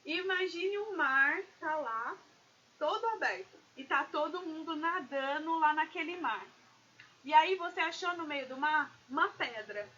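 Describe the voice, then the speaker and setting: A woman business consultant giving an animated live-stream talk, speaking straight to her viewers. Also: high-pitched, measured pace, dull audio. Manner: animated, addresses viewers directly.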